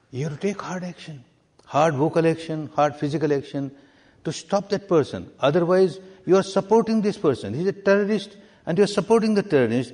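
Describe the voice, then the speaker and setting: A man teaches meditation and answers questions at a steady, measured pace. He leans on repetition, going back over key words to drive them home. His voice carries the long reverb of a large hall. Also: on the high side. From Myanmar. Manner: deliberate, repeats key words for emphasis. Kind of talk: answering questions in a spiritual talk.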